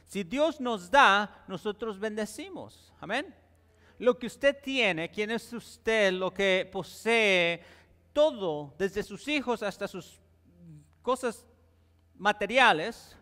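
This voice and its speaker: A man's voice: sits high, a bit bright. A man preaching a sermon in a church, talking conversationally and often checking in with the congregation. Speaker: pastor. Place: church sanctuary. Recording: long church reverb.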